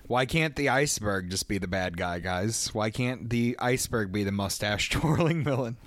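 A man's voice: on the low side, expressive, normal speed, fairly bright tone, no echo. A man co-hosting a casual movie commentary, joking, swearing freely and laughing often.

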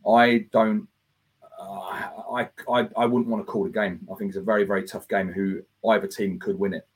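Man, low husky voice, flat, quick, hesitant football chat. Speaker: podcast co-host.

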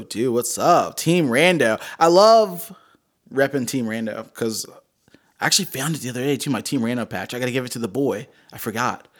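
A man hosting a podcast in casual chat, talking in a laid-back frat-bro way full of slang. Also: medium pitch. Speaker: podcast host.

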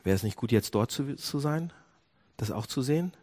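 Man preaching with a widely swinging pitch. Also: expressive, moderate pace. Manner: swings from soft and low to loud and high; asks the congregation direct questions. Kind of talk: sermon.

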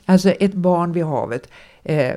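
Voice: mid-range voice, mellow. Curious guest asking probing questions. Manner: engaged, asks probing questions. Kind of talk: casual discussion.

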